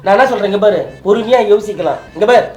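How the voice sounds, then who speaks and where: Faint music sits behind a man's high-pitched, very fast voice as he cries, pleading with his wife and reassuring her. He is the husband in a staged prank video acting out an emotional scripted couple talk.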